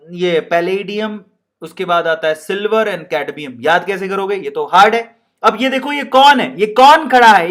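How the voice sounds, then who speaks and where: A man's voice: high-pitched, a bit bright. A man teaching chemistry in a playful way, with laughs, mnemonic chants and questions to the class. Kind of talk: online lecture.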